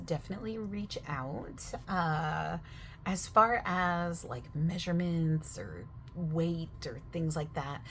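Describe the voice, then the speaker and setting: This young woman's voice is deep, and a little background noise can be heard. She's doing a gentle, soft-spoken ASMR roleplay as someone on gym staff, chattering, filling gaps with fillers and explaining more than she needs to.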